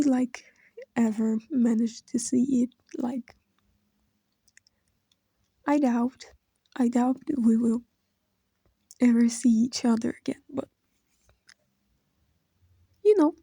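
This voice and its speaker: In a slow, faltering emotional tribute, a video creator who grew up speaking Brazilian Portuguese keeps trailing off into soft whispers, sounding on the verge of crying. She has a slightly high but dark, gravelly voice with a husky quality. It's a dry, close recording.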